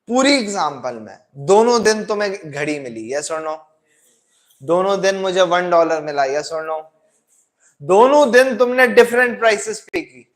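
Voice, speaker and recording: High-voiced teacher drilling a class. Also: male voice, a bit bright. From Pakistan. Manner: drills class with repeated questions, mixing English. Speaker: economics teacher. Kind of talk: classroom lecture.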